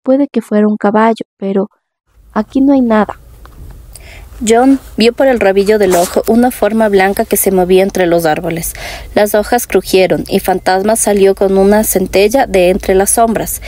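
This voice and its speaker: A woman's voice: medium pitch, normal speed, warm tone. A woman from Latin America narrating a fantasy audiobook, reading every character's lines in her own voice with small shifts.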